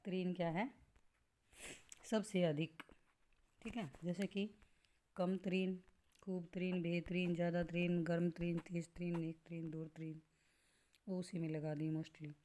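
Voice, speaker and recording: Slow, low-voiced woman teaching grammar. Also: pushed and bright, a little hiss or hum. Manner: slow, listing words one by one with explanations. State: coughing at times. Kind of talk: slow classroom-style grammar lesson.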